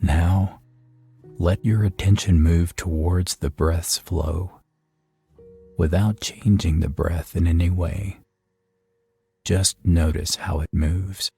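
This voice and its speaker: Over faint, soft music, a man leads a meditation with a very low, dark voice that's relaxed, slightly rough, and touched by vocal fry. His pacing is unhurried and even, soothing, with long gaps between phrases.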